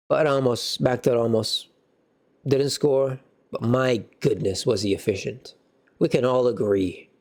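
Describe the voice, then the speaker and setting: Excitable guy ranting about a match, slangy banter, mellow dark voice. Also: mid-range voice. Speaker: football fan channel host. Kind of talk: casual match reaction.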